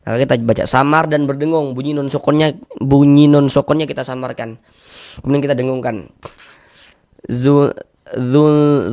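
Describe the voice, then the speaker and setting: A man teaching Quranic recitation rules, explaining patiently, repeating each rule and slowly drawing out the recited syllables. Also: mid-range voice. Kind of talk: tajwid lesson with recited examples.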